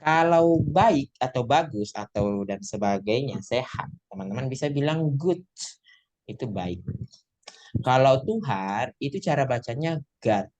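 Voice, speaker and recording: A man's voice: medium pitch, lively intonation, a little slow, darkish tone, dull audio. A man with an Indonesian accent teaching English in a casual online lesson, chatty and joking as he mixes two languages.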